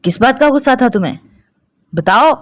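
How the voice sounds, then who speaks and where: A woman's voice: high-pitched, animated, moderate pace, dry recording, studio quality, voice pushed up. A woman voicing a possessive, domineering young husband who gives harsh commands.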